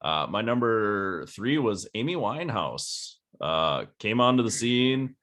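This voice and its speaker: A man co-hosting a casual podcast chat over a video call, relaxed and laughing often. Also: fairly low pitch, a little slow. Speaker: podcast co-host.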